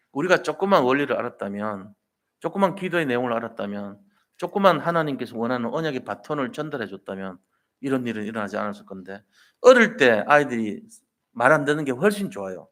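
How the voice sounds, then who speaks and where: A man's voice: medium pitch, a bit bright. A man preaching a Sunday sermon in a colloquial storytelling way, pressing his listeners with emphatic rhetorical questions. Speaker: pastor.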